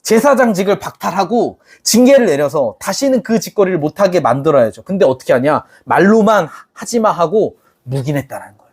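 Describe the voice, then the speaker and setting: A man's voice: sits high, lively intonation, a little fast, a little mellow, breathy edge. A man preaching a sermon as pastor, speaking casually to the congregation, asking them questions and acting out quoted voices. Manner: conversational, asks the congregation questions.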